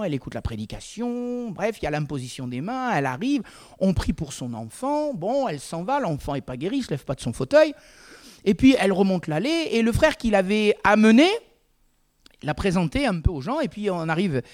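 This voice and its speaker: A man's voice: sits high, a little mellow. A man preaching a sermon in a conversational way, with frequent asides to the congregation.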